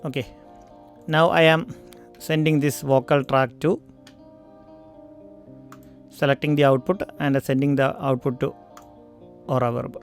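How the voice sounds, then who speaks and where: A man with an Indian English accent walking through audio interface settings in a tutorial, pausing often for mic checks and fillers. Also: mid-range voice, flat delivery, soft background music. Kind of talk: screen-recorded software tutorial. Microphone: studio microphone.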